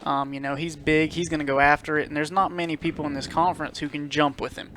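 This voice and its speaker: A man chimes in as a football co-commentator, talking casually and leaning on "you know" as he thinks aloud. His voice sits fairly high and sounds bright and forceful. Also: little pitch movement, quick pace, a little hiss or hum. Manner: chatty, hedging, frequent "you know". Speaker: sports co-commentator.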